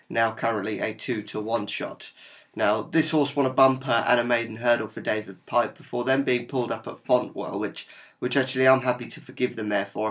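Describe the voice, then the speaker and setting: A man with a Norfolk English accent, informally presenting a horse racing tips video in a conversational, upbeat, matter-of-fact way. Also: fairly low pitch. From Norfolk, England.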